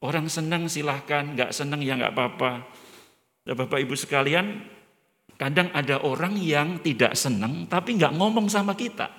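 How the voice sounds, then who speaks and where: Animated preacher in a reverberant church. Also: male voice, fairly high pitch, moderate pace. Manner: animated, joking, addresses the congregation directly. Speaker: guest preacher. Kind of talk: sermon.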